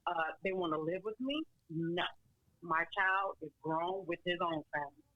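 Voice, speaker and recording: A woman's voice: fairly low pitch, moderate pace, no room sound, narrow, tinny audio. A middle-aged woman calling in to a talk show over the phone, speaking bluntly and outspokenly about her complaints. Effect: heard over the phone. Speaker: caller. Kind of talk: call-in radio talk.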